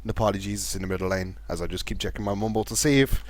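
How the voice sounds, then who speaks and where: A man casting a live video game match, fast play-by-play with a fairly steady delivery. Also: fairly low pitch. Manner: fast, chatty play-by-play talking to co-caster; calls his own voice monotone. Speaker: esports caster.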